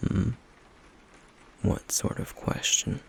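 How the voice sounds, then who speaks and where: Here the man voices the guarded, stoic flame demon of an intimate ASMR roleplay with a slow, breathy, gravelly murmur carrying a little hiss or hum. Lightly acted, his terse, deadpan care takes on a wry, probing mood.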